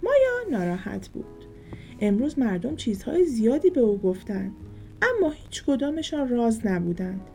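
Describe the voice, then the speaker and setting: A woman storyteller reading a children's storybook aloud in a gentle, expressive, sing-song way. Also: a little high, creaky, faint music behind.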